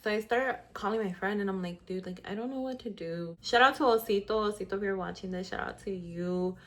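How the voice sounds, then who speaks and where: A woman's voice: mid-range voice, fairly quick. A young woman in her twenties telling a personal story in casual storytime style, chatty and full of "like" fillers, dropping the odd Spanish word. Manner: chatty, frequent "like" fillers, slips into Spanish words. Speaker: vlogger.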